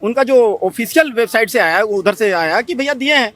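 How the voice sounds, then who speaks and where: A man answers an interviewer insistently, saying the same claim over again. His voice is very high. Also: expressive, moderate pace, fairly bright tone.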